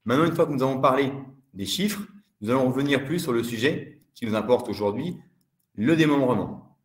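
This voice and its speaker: A man giving a steady, measured explanatory webinar presentation as a fund department director. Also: mid-range voice, reverberant.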